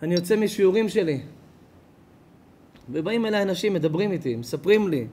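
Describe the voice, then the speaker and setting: A rabbi from Israel preaching an ethics sermon to a live congregation, swelling loud on key phrases and then dropping quiet and intimate. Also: male voice, high voice, animated, a little hiss or hum. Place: lecture before a live audience.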